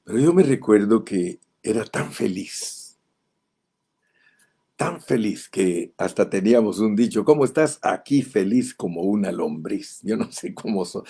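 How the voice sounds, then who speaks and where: A man's voice: fairly low pitch, gravelly, warm tone, husky. A man in his seventies with a Guatemalan Spanish accent, preaching a sermon as a pastor, telling folksy stories and building to impassioned appeals. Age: 70s.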